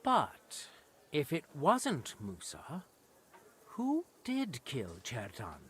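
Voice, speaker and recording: Game role: a pompous noble judge, lively high-set voice, slow deliberate delivery. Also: male voice, breathy edge, full character voice. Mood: questioning. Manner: pompous, imperious, contemptuous. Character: haughty noble judge, lord presiding over trial.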